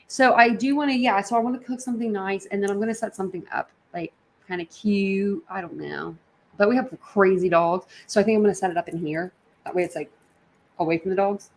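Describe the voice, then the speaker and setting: A woman with a mid-range, somewhat mellow voice runs a livestream from her apartment. Her chat with viewers is loose, rambling, and packed with slang.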